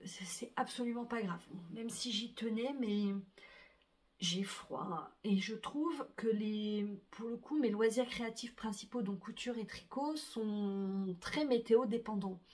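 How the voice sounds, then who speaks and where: A woman's voice: mid-range voice, measured pace, a little mellow. A middle-aged woman, chatting casually about her sewing and knitting projects, full of fillers and restarts. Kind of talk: casual chat to camera.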